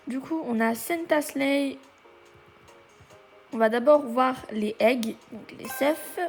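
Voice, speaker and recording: Woman gamer, unhurried, gravelly, halting casual commentary. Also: high-pitched. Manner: chatty, exclaims at discoveries; halting, many hesitations. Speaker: gaming video creator.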